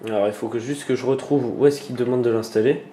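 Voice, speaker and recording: A man walks viewers through a computer tutorial, stopping often for fillers and restarts. His voice is mellow and dark, at a middle pitch. The room around him echoes, with a faint hiss underneath. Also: fairly even intonation, fast talker. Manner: hesitant, many fillers and restarts. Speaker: tutorial maker. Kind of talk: screen-recorded computer tutorial.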